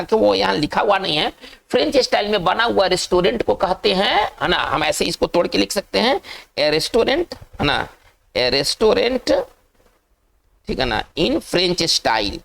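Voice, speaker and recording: A man teaching English vocabulary in a classroom-style lecture, repeating words slowly and tagging sentences with questions. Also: high-pitched, gravelly, fairly bright tone.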